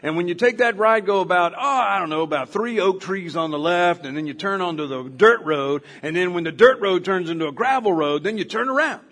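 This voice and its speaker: A man's voice: sits high, expressive, fairly quick, few pauses, a bit bright, full character voice. A man voicing an old rural gas station codger who gives long, meandering directions. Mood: folksy. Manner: folksy, meandering.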